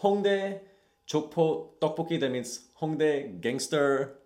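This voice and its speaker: A man's voice: a little high, animated, a little slow, a little mellow. A man hosting a casual podcast interview, teasing his guest playfully and laughing often. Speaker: podcast host. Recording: roomy echo.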